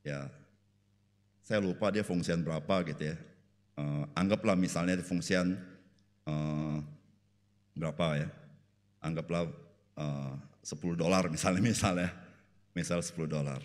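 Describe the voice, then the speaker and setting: A man with a Jakarta slang accent preaching a sermon in casual storytelling style, joking and breaking into high voices to act out the people in his stories. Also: steady tone, measured pace, pauses often, a little mellow. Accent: Jakarta Indonesian slang. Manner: folksy storytelling, jokes, keeps saying "saudara". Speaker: pastor. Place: church. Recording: church sanctuary with long reverb.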